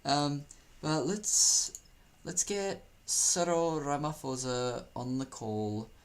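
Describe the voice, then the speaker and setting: A man's voice: a little high, slow. A man from Africa, hosting a casual video and talking through what is on his screen in a rambling, joking way. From South Africa. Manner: rambling, joking, teasing slang. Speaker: YouTuber host. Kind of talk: casual commentary over screen play.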